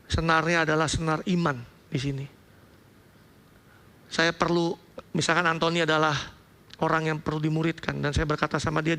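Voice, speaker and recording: Bright-voiced Indonesian male pastor preaching. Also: fairly high pitch. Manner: lively conversational preaching with slangy asides. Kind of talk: sermon.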